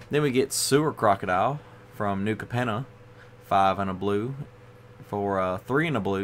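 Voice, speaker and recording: A man's voice: lowish voice, fairly bright tone, slight background noise. A man hosting a casual card review video, tired and yawning as he rambles along with frequent fillers. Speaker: card game video host.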